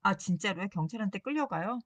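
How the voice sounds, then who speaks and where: A woman's voice: mid-range voice, expressive, fast talker, no echo. A woman vlogger chatting casually and playfully while she crafts, laughing often. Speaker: journaling vlogger.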